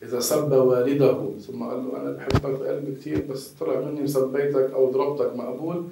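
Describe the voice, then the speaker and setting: A man with a Levantine Arabic accent, a religious scholar giving measured, emphatic answers to questions. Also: mid-range voice, fairly even intonation, vocal fry, noisy background. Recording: echoey room, distant mic.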